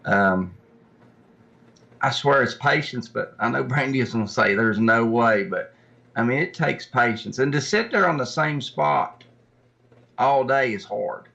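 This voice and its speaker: Unhurried and gravelly, with a sharp tone at a medium pitch, a male tournament angler speaks as a guest. In a casual chat he explains and recounts things in an informal, plain-spoken manner. Dull lo-fi sound captures his voice.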